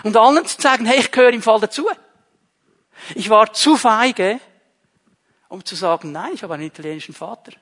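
A man's voice: high-pitched, brisk, pauses often, fairly bright tone, long reverb tail. A man with a Swiss German accent, preaching a sermon as pastor, emphatic and repeating key phrases. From Switzerland.

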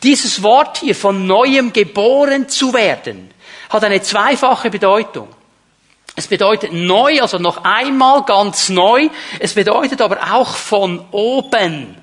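A man's voice: sits high, animated, slow pace, fairly bright tone. A man preaching a sermon to his congregation, emphatic and repeating key words, speaking to the listeners directly. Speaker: pastor.

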